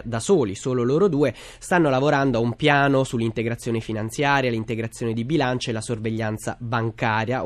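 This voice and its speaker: A man hosting a radio news programme, putting detailed questions to guests. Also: medium pitch. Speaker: radio host.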